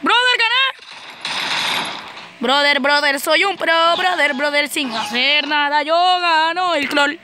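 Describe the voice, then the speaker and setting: A woman gamer giving live, excitable and playful commentary on her own play, yelling when she is in danger. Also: sits high, slow, background noise.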